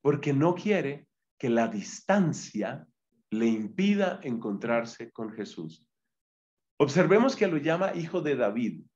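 A man teaching a Bible exegesis lesson as a friar, deliberate and repetitive, reading Greek terms aloud. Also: mid-range voice, big pitch swings, darkish tone, lo-fi sound. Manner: deliberate, repeats key phrases, reads Greek terms aloud.

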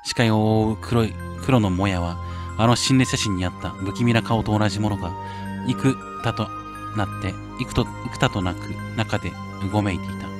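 A man's voice: on the low side, normal speed, over music. Japanese man playing a horror game. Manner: reads game text in a hushed tone, breaks into loud excited shouts. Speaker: game streamer. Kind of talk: horror game playthrough, reading dialogue aloud with commentary.

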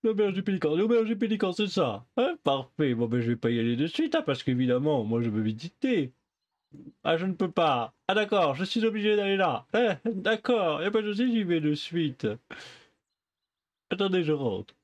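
A man's voice: sits high, big pitch swings, normal speed. A man commenting on a game during a live stream, joking in a mock-pompous way and talking to the game's characters.

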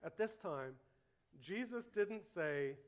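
A man with a high voice preaches at a church service, taking his time over every phrase. He is earnest and emphatic, letting his voice swell for the big points and sink low to drive them home. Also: expressive, slow pace. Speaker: pastor. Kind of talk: sermon.

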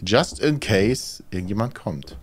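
Guy streaming a horror game, lowish voice, mumbles to himself while figuring stuff out. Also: expressive, a little slow, a little hiss or hum. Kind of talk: casual gaming commentary, thinking aloud.

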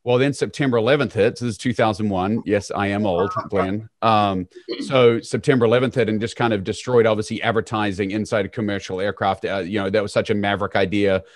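Speaking quite quickly in a fairly low voice, this New Zealand man is a real estate CEO appearing as a guest in a conversational storytelling interview over video call. He sounds relaxed and self-deprecating, says "um" often, and his studio boom-arm mic in a small home office yields a dry sound without room noise.

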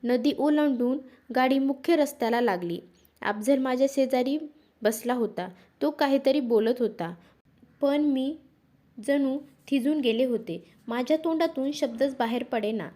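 A woman narrating a first-person story in a steady, even reading voice. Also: high-pitched, measured pace.

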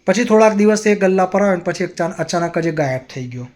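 A man's voice: high voice, lively intonation, quick pace, a little mellow. A man vlogger telling a personal story in an earnest, moralizing way.

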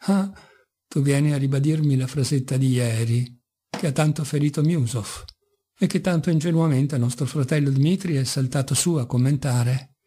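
A man's voice: mid-range voice, normal speed, dark tone, slight background noise, close to an everyday voice. A man voicing a mocking, brooding young intellectual in an audiobook, speaking with bitter irony. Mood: ironic. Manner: ironic, bitter, sometimes passionate.

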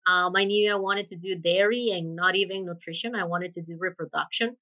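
A woman's voice: fairly low pitch, fairly even intonation, fairly quick, pushed and bright. A woman in her thirties from Honduras with a Honduran Spanish accent, answering interview questions thoughtfully with many hesitations. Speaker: guest researcher. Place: office with window blinds. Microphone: webcam video call.

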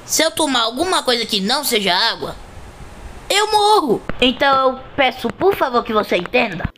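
A man's voice: very high voice, very animated, normal speed, sharp tone, slight background noise, full character voice. A man voicing a stubborn, plaintive party guest in a fan-made cartoon skit. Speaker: guest Fleegle.

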